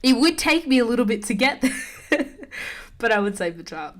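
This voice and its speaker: A woman in her early twenties co-hosts a podcast, chatting casually in a fairly high, sing-song voice at a normal pace. She laughs often and speaks with emphasis.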